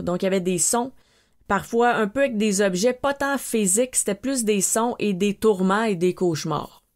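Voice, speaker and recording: A woman with a Québécois French accent tells a personal story as a podcast host, with a mid-range voice. She retells events in an animated way and acts out her own frightened exclamations along the way. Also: mid-range voice.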